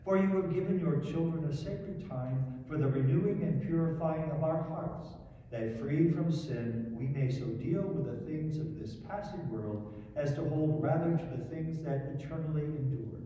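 A male priest reciting liturgical prayers at Mass in a measured, solemn way, his voice carrying through a cathedral echo from a distant microphone in a large church. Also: fairly high pitch, dull audio. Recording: echoey church hall from far off.

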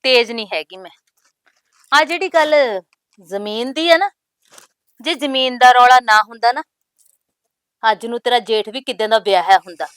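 Actress as a defiant young bride, high bright voice, dry close sound. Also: female voice, normal speed, pauses often, clean tone, no echo, lightly acted. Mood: scolding. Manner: bold, scolding, proverb-laden retorts. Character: sharp-tongued young newly married woman, defiant. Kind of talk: village family drama acting.

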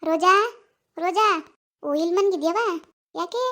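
A woman's voice: extremely high pitch, measured pace. A woman voicing an anxious village mother in a cartoon, soothing and fussing. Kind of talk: cartoon voice acting.

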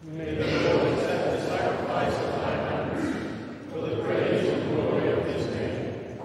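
A man giving slow, sung responses in a liturgy inside a large church. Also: a little high, flat delivery, a little mellow. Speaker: congregation responder. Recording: distant voice in echoey church.

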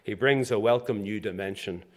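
An older Zambian man delivers his inaugural address as president of a professional institution from a lecture hall lectern, measured and given to dry asides. His voice is lowish, with a faint hiss or hum in the recording, and the talk is a formal prepared speech.

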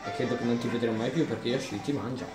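A man giving excitable let's play commentary, talking to the game as he plays and sometimes shouting at it. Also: mid-range voice, racing, reverberant, over music.

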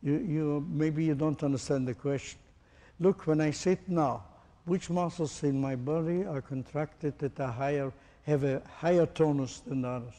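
A man's voice: a little high, normal speed. Man quizzing a class in a hall. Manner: questioning, demonstrating, animated. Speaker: teacher. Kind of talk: interactive lecture to a group.

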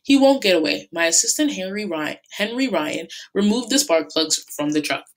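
A woman voicing a calm, reassuring male conservation officer. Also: medium pitch, moderate pace, lightly acted, rough recording.

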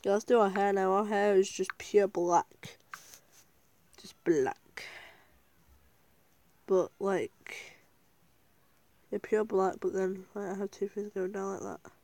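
Girl chatting thru her game, lots of giggles, slow mellow voice, dry sound. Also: medium pitch, little pitch movement, creaky, no echo. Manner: chatty, giggly, talking to viewers. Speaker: gaming video creator. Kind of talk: casual gameplay commentary.

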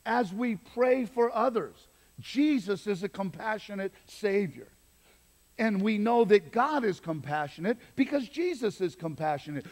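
Male pastor, animated preacher, higher voice, booming hall reverb. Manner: animated, emphatic preaching with asides. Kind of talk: sermon. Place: church sanctuary. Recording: long reverb of a church hall.

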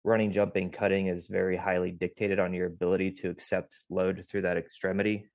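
A physical therapist co-hosting a podcast explains strength training and rehab in a technical, lecturing way within a casual discussion. His low-pitched, darkish voice stays level and fairly quick, recorded dry.

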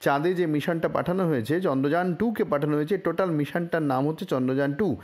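A man from India explaining a newspaper report line by line, reading English phrases slowly and then explaining them, with frequent fillers and self-corrections. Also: fairly high pitch, darkish tone. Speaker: English teacher.

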